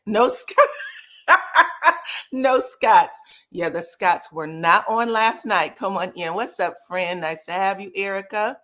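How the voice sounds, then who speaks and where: Slightly scratchy but fairly bright, a woman's medium-pitched voice carries a casual reality TV recap livestream. She greets her viewers by name while she chats.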